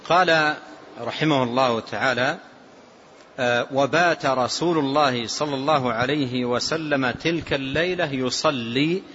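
A male scholar giving a lesson on a classical text, explaining phrase by phrase, repeating himself and pausing with drawn-out fillers. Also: mid-range voice, a bit bright. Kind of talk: lesson commentary. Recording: dull lo-fi recording with faint hiss.

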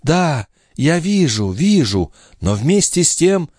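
A man voicing Lorenza, a passionate, sorrowful young clairvoyant wife, in a high, imploring, tearful tone in an audiobook reading. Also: big pitch swings, slow, darkish tone, breathy edge, no room sound, clean studio sound, heavily acted. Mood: wistful.

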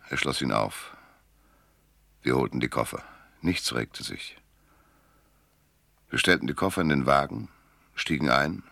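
A man with an extremely low, sharp-edged voice plays a tired, tight-lipped private eye in a German noir radio play, his narration dry, sardonic and gravelly. The heavily acted performance feels watchful and dry, with no room sound.

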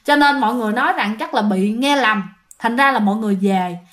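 A woman's voice: on the high side, quick pace, fairly bright tone. A woman telling a ghost story in a casual, chatty way, talking straight to her listeners. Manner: chatty, addresses listeners directly.

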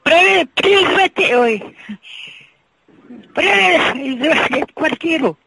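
High, confused older woman on the phone. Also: lively intonation, slow pace, vocal fry, sharp tone, dry recording, low-quality recording. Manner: confused, hard of hearing, repeats herself.

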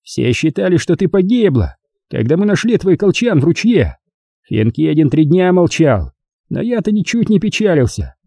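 A man's voice: high-pitched, wildly swooping pitch, slow pace, hardly any pauses, warm tone, dry recording, clean studio sound, pitched above the performer's own voice, full character voice. A man voicing a bitter, cruel young clan leader in an audiobook, with a harsh, snarling delivery.

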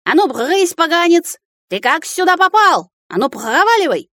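A stocky, shaggy male house spirit with a burring R shouts and frets in a high, rustic voice, played by a woman narrator. The recording is dry and close. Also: sing-song, normal speed, dry recording, exaggerated voice. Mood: scolding. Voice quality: burring rolled R.

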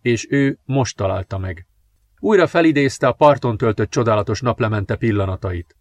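A man reads a novel aloud in a calm, measured narration. His voice sits at an ordinary middle pitch. The sound is dry and close to the mic. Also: no room sound. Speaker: audiobook narrator. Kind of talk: scripted narration.

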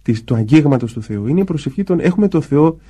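A man's voice: on the high side, breathy edge. A man, a priest, talking about prayer in a conversational way and acting out quoted voices as he goes. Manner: acts out quoted voices in lively asides.

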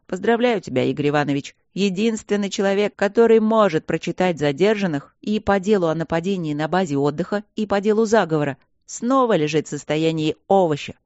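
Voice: mid-range voice, brisk, hardly any pauses, a little mellow, dry recording, muffled recording, close to an everyday voice. An audiobook reader voicing a stern, dry male intelligence chief who speaks curtly. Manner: dry, curt.

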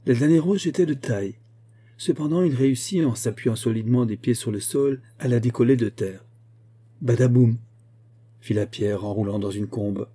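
A man reading a fantastic folk tale aloud as narrator, in a lively storytelling manner. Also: medium pitch, a little fast, slightly rough. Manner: lively storytelling, voicing the grandfather's lines.

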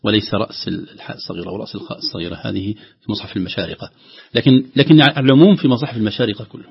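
Man, recitation teacher, patient explaining, husky, slow spoken-out example words, dull lo-fi broadcast sound. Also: fairly low pitch. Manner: patient explaining with many drawn-out filler pauses; slowly voices words aloud to show pronunciation. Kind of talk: tajweed lesson on a call-in broadcast.

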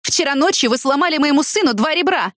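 A woman voicing a furious middle-aged mother who hurls accusations with slow, heavy emphasis. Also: high voice, animated, a bit bright, dry recording, studio quality, voice pushed up.

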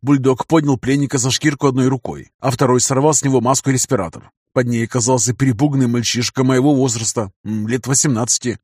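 A man's voice: medium pitch, steady tone, fast, hardly any pauses, darkish tone, breathy edge, no room sound, studio quality. A man narrating a first-person audiobook in a casual, wry storytelling manner.

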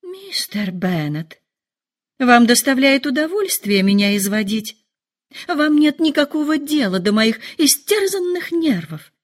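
An excitable, fretful mother bursts into high, gushing exclamations, as a woman reading aloud puts her on. Her pitch leaps widely from line to line in a storybook reading. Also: a little slow, exaggerated voice. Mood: excited.

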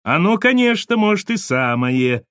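A man's voice: high voice, sing-song, moderate pace, a bit bright, clear, resonant tone, dry recording, voice pushed up. A man voicing a sly male police captain who drawls dry, wry remarks in an audiobook.

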